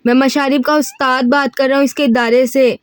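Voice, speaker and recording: A stern, formal professor in middle age, as a woman reads him, speaking politely and measuredly in a storybook audiobook. The voice stays fairly high and the recording is dry. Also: little pitch movement, brisk, no echo, natural voice. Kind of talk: audiobook reading of a novel.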